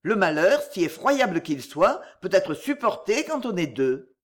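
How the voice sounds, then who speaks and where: A reader voicing a forgiving aristocratic husband with a calm, solemn delivery in an audiobook. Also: male voice, sits high, a little slow, exaggerated voice. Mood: tender. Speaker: count. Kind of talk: audiobook character reading.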